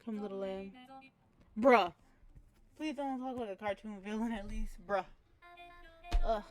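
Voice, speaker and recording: A woman's voice: a little high, unhurried, faint music behind. A woman playing a game on video, reading the dialogue aloud and joking in casual slang. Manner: playful slangy banter, reads game lines aloud. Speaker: gaming video creator. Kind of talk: let's play commentary with read-aloud dialogue.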